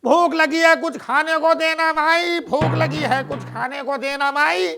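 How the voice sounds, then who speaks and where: A man voicing a beggar who pleads in a high, drawn-out voice. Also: fairly even intonation, gravelly, pushed and bright, soft background music, exaggerated voice. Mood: pleading. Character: pleading male beggar, wheedling.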